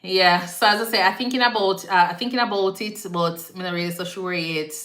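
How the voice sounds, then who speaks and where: Answering viewer comments on a relaxed live stream, a Jamaican-accented nurse speaks in a steady mid-range voice, fairly quick and fairly bright. She's chatty, tends to repeat herself, and occasionally slides into patois. The room is echoey.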